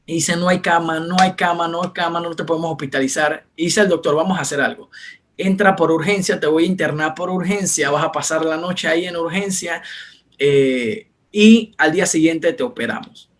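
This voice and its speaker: A young man telling his personal faith testimony in an earnest, conversational way, softening his voice when he quotes others. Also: a little high, moderate pace. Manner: earnest, retells dialogue in soft quieter voices. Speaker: testimony speaker.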